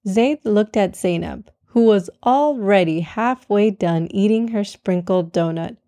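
A woman narrating a children's storybook with clear, steady reading. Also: medium pitch, a little slow, no echo.

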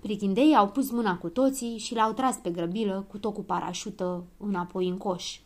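Lively woman reading a children's story. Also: mid-range voice. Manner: lively, expressive. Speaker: narrator.

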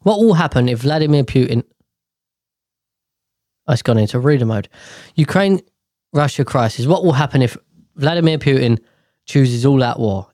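A podcast host casually reads news stories aloud, tripping over words and drifting into irreverent tangents full of swearing. His voice is mellow and middling in pitch, and the recording is dry with no room sound.

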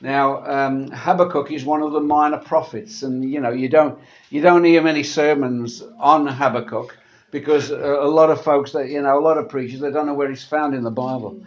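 Hoarse from a medical procedure that left his throat sore, a man delivers a church sermon with scripture reading in a mid-range, steady, slightly gravelly and husky voice. His manner is halting and conversational, with frequent repeated words, captured in a dull, muffled recording.

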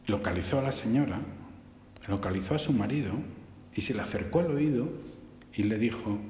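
A man from giving a homily as a priest, telling anecdotes in a lively way, often restarting his sentences. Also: mid-range voice, echoey room, big-room sound, a little hiss or hum. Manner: lively storytelling with frequent restarts.

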